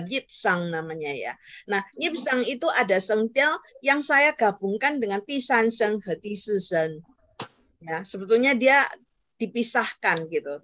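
A woman's voice: fairly high pitch, fairly bright tone, dry recording. A woman teaching Hakka in an online class, patiently modeling tone syllables for learners to repeat and checking in with them often. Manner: keeps checking understanding with "ya".

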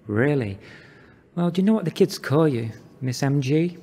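A man's voice: on the high side, animated, normal speed, mellow, breathy edge, big-room sound. A man acting a cocky, flirtatious role in a scripted drama scene. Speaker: actor in a scene.

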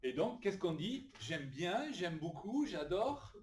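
A man teaching adults to read in a classroom, encouraging and sounding out each syllable slowly. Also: high-pitched, big pitch swings, distant mic, background noise. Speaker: literacy teacher. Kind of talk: classroom phonics lesson. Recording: echoey room, recorded from afar.

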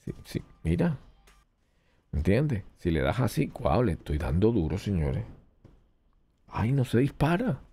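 A man's voice: lowish voice, very animated, a little slow, long pauses, warm tone, slightly rough. A man hosting a podcast, giving a casual, rambling hands-on review of a mixer and testing it aloud. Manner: rambling, chatty, tests gear aloud.

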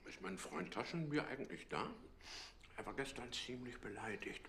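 A man's voice: on the high side, big pitch swings, normal speed, fairly bright tone. An actor playing a self-satisfied, chatty man given to talking to himself in a film comedy. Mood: casual. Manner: asks and answers his own questions. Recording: clear ambient noise behind.

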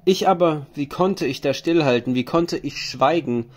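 A man's voice: a little high, moderate pace, lightly acted. A man voicing a grieving hero king, a weary wanderer, in solemn lamenting recitation.

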